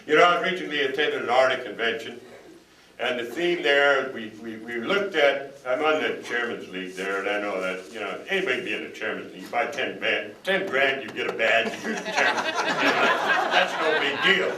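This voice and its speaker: A man's voice: medium pitch, animated, normal speed, sharp tone, slight background noise. Older man telling folksy stories in echoey hall. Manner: folksy, anecdotal, quotes others in voices. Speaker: speaker. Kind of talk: storytelling speech. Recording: echoey hall, mic at a distance.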